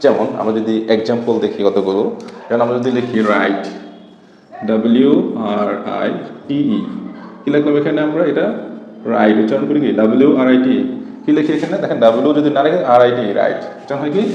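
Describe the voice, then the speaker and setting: A man's voice: medium pitch, dark tone, slight background noise. A man teaching an English lesson, asking questions and answering them himself. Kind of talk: classroom explanation. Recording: echoey, dull-sounding room.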